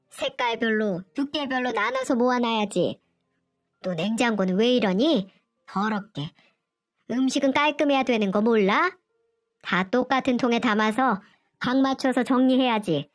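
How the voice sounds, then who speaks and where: A woman voicing a harsh, scolding older mother-in-law who nags with contempt in a storybook narration. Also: natural voice. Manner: shrill, nagging, contemptuous.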